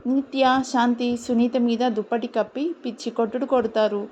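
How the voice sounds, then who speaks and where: Woman storyteller, steady reading, higher pitch, dull lo-fi recording. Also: a little fast, a little hiss or hum. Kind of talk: audiobook story narration.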